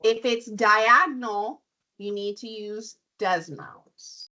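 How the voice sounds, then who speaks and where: In a classroom lesson, a woman math teacher who is losing her voice to illness works through problems step by step and quizzes her students along the way. Her pitch is medium, her tone sharp, and she speaks slowly.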